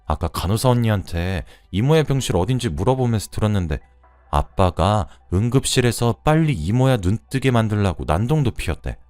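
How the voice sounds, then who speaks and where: A man's voice: lowish voice, very animated, a little fast, a little mellow, dry recording, faint music behind. A man voicing a chatty young woman who teases and pleads with her aunt in a radio drama. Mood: insistent. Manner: pleading, bubbly, insistent.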